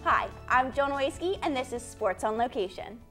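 A young woman hosts a student comedy sketch with bubbly cluelessness. Her voice is high and bright in pitch. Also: expressive, normal speed, reverberant, faint music behind. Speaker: student show co-host. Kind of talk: comic sketch banter.

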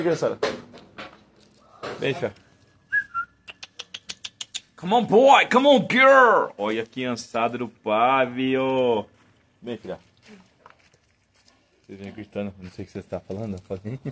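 A man's voice: medium pitch, big pitch swings, unhurried, a bit bright, slight background noise. A man with a Brazilian accent, a dog breeder who barks commands at his dogs and lectures viewers bluntly in a casual vlog. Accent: Brazilian Portuguese.

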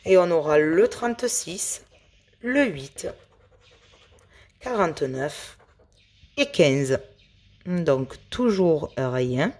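A woman hosting a scratch-card video, chatting slowly and addressing her viewers as friends while she checks numbers and letters. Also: deep voice, expressive, darkish tone. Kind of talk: casual play-by-play commentary.

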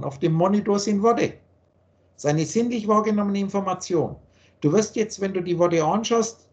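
A man giving an earnest philosophical teaching monologue on a video call, slowing down to stress key points. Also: sits high, darkish tone. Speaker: spiritual teacher.

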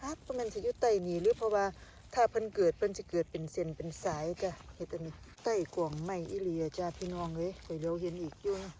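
A woman's voice: on the low side, quick pace, poor audio. Chatty Isan-accented woman foraging outdoors. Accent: Isan (Northeastern Thai). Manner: lively, exclaims often, calls viewers "brothers and sisters". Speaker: vlogger foraging for wild mushrooms. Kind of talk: chatty walk-and-talk narration to viewers. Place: outdoors in woodland. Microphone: handheld camera. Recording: outdoor recording with clear background noise.

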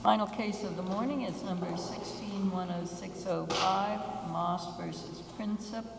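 An old archival courtroom recording of a woman presiding as judge, calling the case in a measured, formal way. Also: medium pitch, fairly even intonation, creaky. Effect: old archival courtroom audio recording. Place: large courtroom. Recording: hissy old recording from a far, echoey courtroom.

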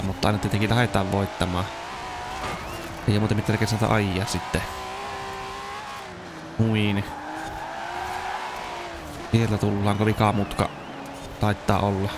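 Finnish gamer man, low voice. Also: long pauses, background noise. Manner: excited yelps at near misses. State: dry mouth, strained voice. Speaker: gaming video host. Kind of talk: casual gameplay commentary.

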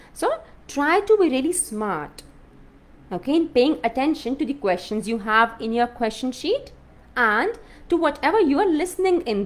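A woman with an Indian English accent teaching an exam-prep lesson, constantly checking in with "okay?" and "fine?". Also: high voice. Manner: lively up-and-down teaching voice. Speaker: IELTS coach.

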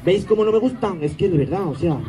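A man's voice: high voice, animated, quick pace, warm tone, poor audio. A man doing stage comedy, teasing the audience in a sarcastic, mock-grumpy way.

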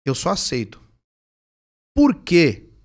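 A man, a pastor telling his testimony in animated, casual conversation and acting out the dialogue. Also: a little high, takes it slowly. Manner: animated storytelling, acts out dialogue.

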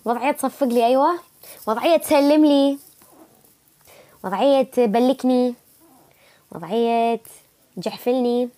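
A woman's voice: a little high, moderate pace, long pauses, dark tone. A young woman with an Iraqi Arabic accent, feeling sick, chatting casually with viewers on a livestream and answering their comments. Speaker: livestream host. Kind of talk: casual live chat with viewers.

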